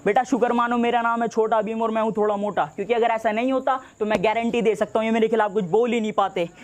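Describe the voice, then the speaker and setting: A young man with a very high voice delivers boastful battle-rap lines at an opponent. He sounds mocking and builds each line toward its punchline. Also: steady tone, fast, a little hiss or hum. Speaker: battle rapper.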